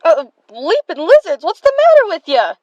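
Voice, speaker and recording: A young woman playing an excitable, plucky orphan girl with folksy exclamations in 1930s radio serial style. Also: very high voice, normal speed, dry recording, highs cut off, exaggerated voice. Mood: puzzled. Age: teenager or young adult. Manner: exclamatory, wide-eyed folksy slang.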